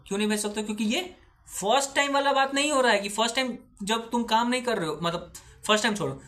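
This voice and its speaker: A man's voice: high voice, a bit bright. A man giving a recorded accounting lecture who patiently asks questions and answers them himself, mixing English terms into his speech.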